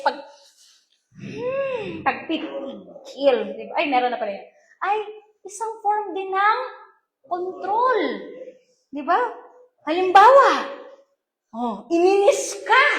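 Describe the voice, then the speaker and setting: Lively high-voiced woman pastor preaching. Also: roomy sound. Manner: animated, playful, mixes Tagalog and English, acts out quoted voices. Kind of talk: sermon. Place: church hall.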